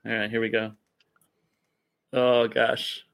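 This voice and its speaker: A man's voice: medium pitch, little pitch movement, slow pace, gravelly, a bit bright. A man, a priest hosting a casual group livestream, talks in a rambling, playful way and often corrects himself mid-sentence.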